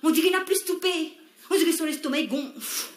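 A woman comedian from Réunion with a Réunion Creole accent, doing loud, mock-indignant stand-up on stage. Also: extremely high pitch, fast talker, reverberant, a little hiss or hum. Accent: Réunion Creole French. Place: stage in a live show.

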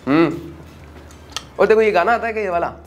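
A chatty young man with a high, light voice hosts a food challenge, checking in with his audience as he goes and talking through mouthfuls. Soft music plays underneath. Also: fairly quick. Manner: chatty, keeps asking "ठीक है?"; talks while eating. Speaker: vlog host. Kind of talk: casual food challenge vlog.

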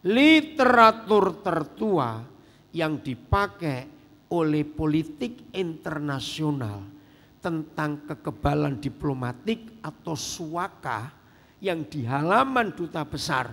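A middle-aged male pastor preaching a sermon in a lively way, peppering the congregation with rhetorical questions. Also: on the high side. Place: church hall. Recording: reverberant church hall.

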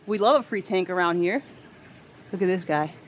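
A woman's voice: on the low side, animated, normal speed, slight background noise. A woman vlogging a store tour, chatting casually with slangy, enthusiastic exclamations. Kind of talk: casual vlog chat with slangy reactions. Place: indoor aquarium store room full of tanks. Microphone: handheld camera mic, close to the speaker.

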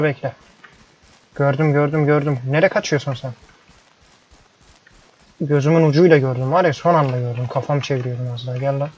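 A young man doing casual gameplay commentary, his fairly high voice turning exasperated as he scolds and coaxes stubborn farm animals. It comes through a muffled, lo-fi headset microphone with a faint hiss of background noise. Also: a little mellow. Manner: frustrated, grumbling, talks to the animals. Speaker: gameplay YouTuber. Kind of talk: casual let's-play commentary.

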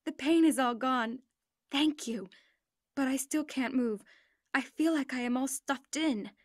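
A woman's voice: high-pitched, a little slow, no echo, clean studio sound. A woman reading an audiobook, voicing an injured woman driver who speaks faintly and pleads for prayer. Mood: relieved.

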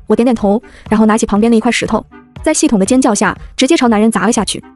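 Rapid-fire woman narrating a story. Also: a little high, a little mellow, faint music behind. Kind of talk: first-person web-novel narration.

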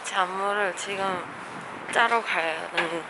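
A woman's voice: fairly low pitch, fairly even intonation, measured pace, background noise. A woman in her twenties, a dance student, chatting casually to her camera while speaking through a face mask. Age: 20s. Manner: chatty, talking to herself while going about her day. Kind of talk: casual vlog chat.

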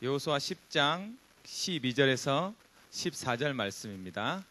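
A man's voice: medium pitch, sing-song, unhurried, bright, forceful tone. A man in his thirties, a preacher opening his sermon and reading scripture aloud to the congregation on a handheld mic. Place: church hall stage before a seated crowd.

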